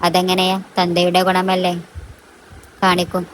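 A woman doing scolding aunt, sarcastic, monotone, low. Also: unhurried, slight background noise, lightly acted, rough recording. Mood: scornful. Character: scolding middle-aged aunt, sharp-tongued.

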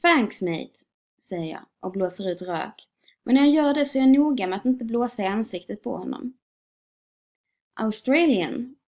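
Woman calmly reading a short story. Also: mid-range voice. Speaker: reader. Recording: dull lo-fi recording.

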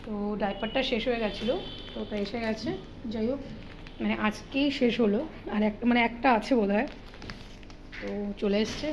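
A young mother filming her day at home on a phone, chatting along in a fairly high, soft voice. She often drops to a hushed near-whisper. A faint hiss of household noise sits behind her. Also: brisk, pauses often, low-quality recording. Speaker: vlogger and mother. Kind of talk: casual home vlog narration. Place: home indoors.

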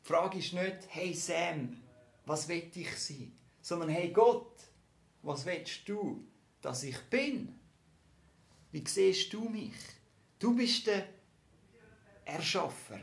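A young man preaching a sermon in standard German with a Swiss accent, talking in a lively way and often tagging on rhetorical questions. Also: fairly high pitch, slow pace, vocal fry, long pauses. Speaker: pastor. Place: church hall. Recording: echoey church room.

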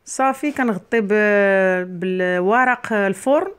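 A woman's voice: medium pitch, a little slow, clear, resonant tone. A middle-aged woman with a Moroccan Arabic accent hosts a casual cooking vlog in her home kitchen. She talks to the viewers as she cooks and explains each step to them. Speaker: cooking channel host. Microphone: camera near the worktop, speaker mostly off frame.

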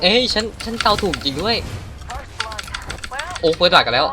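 A man's voice: high-pitched, sing-song, normal speed, noisy background. A man giving casual, joking gameplay commentary to his viewers, swearing now and then. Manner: playful, joking, swears a lot, talks to viewers. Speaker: gaming streamer.

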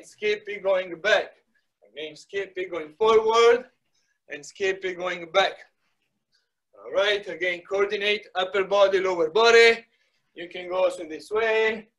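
Captured on a device microphone a few metres away, a middle-aged man coaches a live soccer fitness session in a small wood-panelled indoor room. He keeps repeating short commands and offering encouragement. His voice sits high, his tone is fairly bright, and he never rushes.

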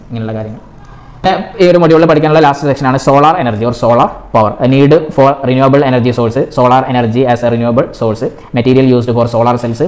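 A male teacher walks through an exam syllabus, listing topics briskly with frequent filler sounds. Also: mid-range voice, a little mellow. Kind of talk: syllabus walkthrough lesson.

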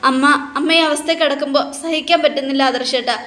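A woman's voice: high-pitched, fairly even intonation, quick pace, a bit bright, reverberant. A woman voicing a frightened, devoted young wife who speaks fearfully and pleadingly.

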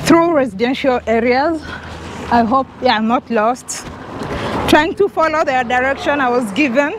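A high-voiced young Kenyan woman with a Kenyan accent vlogs her travels at a moderate pace, chatting with enthusiasm to an action camera held at arm's length. She walks a sunny residential street amid a noisy background.

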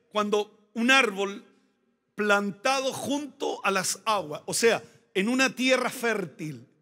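Male pastor, high voice, emphatic sermon delivery with heavy repetition. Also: pushed and bright. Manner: emphatic, repeats phrases for emphasis.

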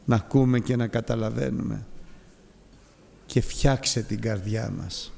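A man's voice: mid-range voice, fairly even intonation, vocal fry, a little mellow, big-room sound. A man preaching a sermon with an impassioned, emphatic delivery that rises and repeats its phrases.

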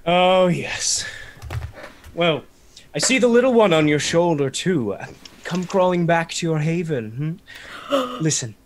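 A man voicing a sly, menacing male vampire lord who taunts slowly and drops into whispers. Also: fairly high pitch, big pitch swings, slight background noise, voice pushed up. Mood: gloating. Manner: mocking, slow, dropping to whispers.

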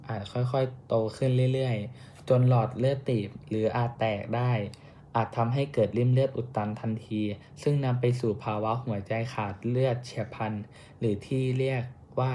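A man's voice: mid-range voice, dark tone, a little hiss or hum. Young man reading a class report. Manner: careful reading with small slips and restarts. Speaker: student presenter.

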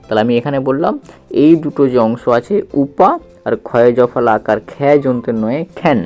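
A man teaching a basic reading lesson, slowly spelling out each syllable and asking the learner questions as he goes. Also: medium pitch, dark tone, faint music behind. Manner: slow, repetitive, patient explaining with questions to the learner.

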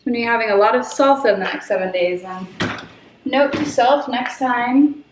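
A woman's voice: a little high, normal speed, background noise. A young woman in her twenties chatting casually to camera at home, rambling and self-deprecating with lots of ums and likes. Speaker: lifestyle vlogger. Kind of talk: casual vlog chat to camera. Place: at home, apartment.

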